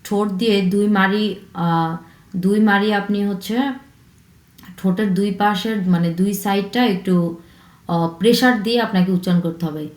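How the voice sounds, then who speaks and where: A woman teaching a language lesson online, slowly modelling each sound three times and mixing English words into her explanations. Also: medium pitch, reverberant.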